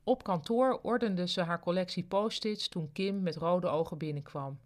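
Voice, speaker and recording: A storyteller with a voice of middling pitch, reading a serialized podcast episode. The delivery is dry and even, letting the small absurdities speak for themselves. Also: normal speed. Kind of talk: scripted narration.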